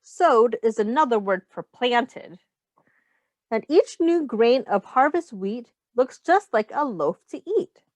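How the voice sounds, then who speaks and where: With a fairly high voice, big swings in pitch, and an unhurried delivery, a teacher reads a picture book to little children. She teaches as she goes, defining simple words, pointing out rhymes, and asking them questions, and there's no room sound.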